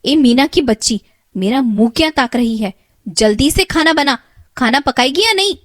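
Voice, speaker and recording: A woman's voice: sits high, animated, moderate pace, no room sound, studio quality, pitched above the performer's own voice. A woman voicing a cruel, middle-aged stepmother in a cartoon story, with a harsh, scolding manner. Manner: harsh, scolding, shouting insults.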